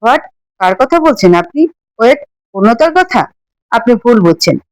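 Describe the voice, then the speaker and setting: A puzzled, polite young man explains himself earnestly, as a woman reader plays him. The pitch runs fairly high with a dry, close sound. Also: very animated, normal speed, no room sound, rough recording.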